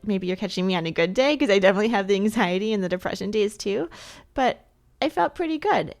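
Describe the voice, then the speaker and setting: A woman's voice: mid-range voice, lively intonation, quick pace, soft background music. A woman hosting a podcast, talking through a candid, reflective personal monologue. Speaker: podcast host.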